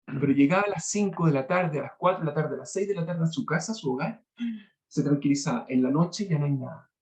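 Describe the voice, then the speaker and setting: Chilean man giving a mellow, animated talk. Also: a little high, quick pace. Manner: acts out scenes with raised voice. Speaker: university lecturer. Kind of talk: lively educational talk.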